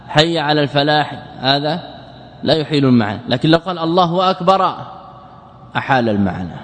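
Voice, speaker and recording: A man teaching Islamic jurisprudence in an explanatory lesson style. He poses rhetorical questions, answers them himself, and chants short sample phrases to show errors. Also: fairly high pitch. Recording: long reverberant hall.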